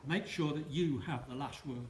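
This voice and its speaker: A man's voice: on the high side, moderate pace. A man in his seventies giving a wedding speech, with dry, self-mocking humour and teasing asides to the couple. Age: 70s. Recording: roomy hall with faint noise.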